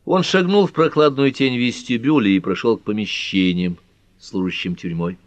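A man narrating an audiobook in a measured storytelling manner, acting out each figure. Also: medium pitch, no room sound. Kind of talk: scripted narration. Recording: dry, slightly dull lo-fi audio.

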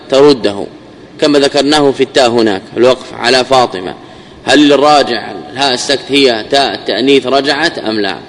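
A sheikh giving a classical Arabic grammar lesson, repeating phrases and examples, asking and answering his own questions, his voice dropping low at the ends of phrases. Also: a bit bright, rough recording.

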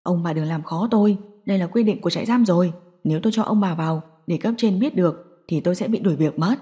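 A grudging older guard grumbles about his rules in a low voice, as a woman puts him on. He is greedy and complaining in this audio story. The tone is mellow. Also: fast, lightly acted.

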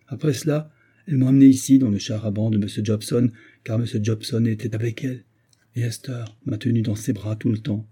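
A man reading the part of a gentle young wife and mother in a tender, pleading tone. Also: lowish voice, fairly even intonation, brisk, breathy edge.

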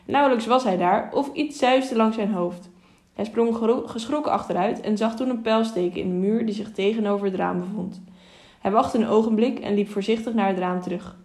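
A woman narrating an audiobook in a steady, measured reading voice, with small self-corrections. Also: medium pitch. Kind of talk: storybook narration.

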